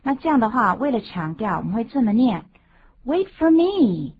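A woman co-hosting a bilingual radio English lesson, saying phrases slowly and explaining pronunciation. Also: fairly high pitch, lively intonation, husky. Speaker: English teacher co-host. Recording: phone-like lo-fi sound.

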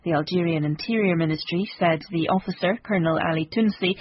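A British woman reading a scripted radio news bulletin in a measured, formal manner. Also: lowish voice, breathy edge, muffled recording. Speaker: newsreader.

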